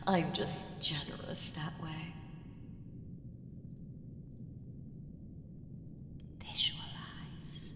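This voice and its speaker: Intense and commanding, a woman on the low side of the pitch range roleplays an ancient evil entity for ASMR, seductive, coaxing and condescending, with a deliberate delivery that slips into whispers. The recording has long, roomy reverb and clear background noise.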